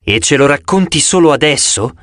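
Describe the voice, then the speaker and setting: A man's voice: a little high, lively intonation, normal speed, fairly bright tone, no room sound, clean studio sound. A man voicing a blunt, wary teenage girl in an audiobook. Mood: incredulous.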